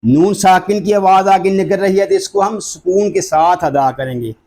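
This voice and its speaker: A man teaching Quran reading, spelling out letters and vowel marks slowly and patiently explaining each rule again and again. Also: sits high, darkish tone. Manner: repeats the rules deliberately for memorization. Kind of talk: slow, drawn-out recitation lesson.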